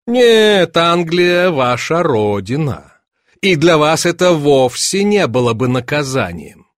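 A man reading an audiobook, voicing a sly police chief who feigns sympathy and teases with drawn-out pauses. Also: a little high, sing-song, dry recording, clean studio sound. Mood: mock-sympathetic. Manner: measured, drawn-out teasing pauses.

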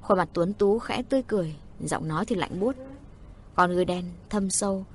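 A woman reading a story aloud as an audiobook narrator, with expressive narration. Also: on the low side, fairly quick, a little hiss or hum.

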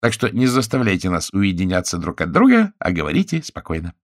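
A man's voice: low voice, huge pitch swings, brisk, no echo, clean studio sound. A man voicing a jolly plump alien husband who clowns around and sings out of tune. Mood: jovial. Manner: boisterous, sing-song.

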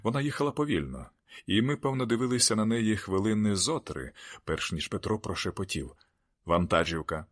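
Deep-voiced male audiobook narrator. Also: big pitch swings, a little fast. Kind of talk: scripted novel narration.

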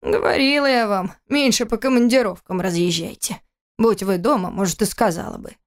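A woman's voice: mid-range voice, moderate pace, lightly acted. A woman voicing a blunt old housekeeper. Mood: scolding. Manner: matter-of-fact, scolding. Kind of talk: audiobook character reading.

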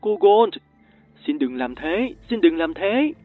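A man's voice: big pitch swings, moderate pace, slightly rough, exaggerated voice. A man voicing a terrified young boy who pleads and screams for help in an audiobook story. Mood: panicked pleading. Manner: shrill, desperate pleading. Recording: tinny lo-fi with faint music.

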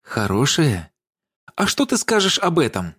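A man's voice: fairly high pitch, huge pitch swings, measured pace, fairly bright tone, husky, dry recording, clean studio sound, pitched above the performer's own voice, heavily acted. Man voicing a scornful, accusing young woman. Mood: mocking. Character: sharp, indignant young woman confronting a lover.

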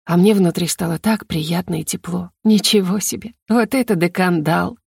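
A woman reading a first-person fantasy audiobook in a lively, playful way. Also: on the low side, normal speed, gravelly, slightly rough, no echo, clean studio sound. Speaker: audiobook narrator.

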